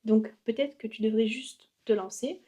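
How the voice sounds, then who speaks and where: A woman's voice: fairly high pitch, normal speed, warm tone. A young woman talking casually to camera in a vlog, chatty and upbeat, with many fillers and small self-mocking asides. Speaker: vlogger and graphic designer.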